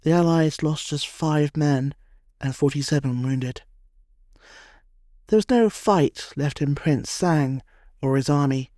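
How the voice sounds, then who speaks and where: A man narrating a history documentary from a script, in a measured, dramatic storytelling cadence. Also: fairly high pitch, a little mellow, no echo, studio quality.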